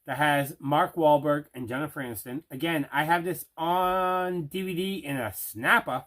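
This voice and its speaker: A man with a slightly high, somewhat bright voice talks at a normal speed. He hosts a casual unboxing video show, chatting freely and repeating himself for emphasis.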